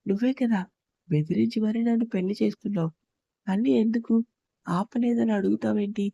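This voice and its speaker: A woman's voice: mid-range voice, fairly quick, creaky, mellow, husky, no room sound, lo-fi sound. A woman narrator voicing a hurt, angry young wife who pleads and scolds in a storybook.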